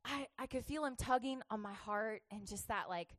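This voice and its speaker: Brief: female youth pastor, high voice, chatty comic testimony, laughs a lot, dry close sound. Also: normal speed, no room sound. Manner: chatty and animated, laughing often. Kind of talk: humorous testimony sermon.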